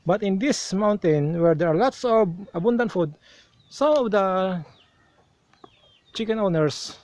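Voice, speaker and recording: A Filipino travel vlogger narrates outdoors from a hilltop shrine, explaining things unhurriedly and often restarting his sentences. He talks slowly and animatedly, his voice sitting high with a darkish tone.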